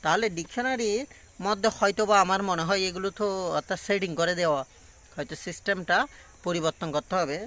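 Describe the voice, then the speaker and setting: A man giving a casual pronunciation lesson on a phone front camera, talking slowly and repeating each word with many fillers. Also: sits high, fairly bright tone. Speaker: English pronunciation teacher. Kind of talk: casual self-recorded lesson.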